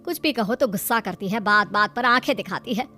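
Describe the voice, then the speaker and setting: A woman's voice: medium pitch, lively intonation, a little fast, sharp tone, faint music behind. A woman playing a nagging, disapproving mother who scolds and taunts her grown daughter in a cartoon story. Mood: taunting. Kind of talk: Hindi cartoon story acting.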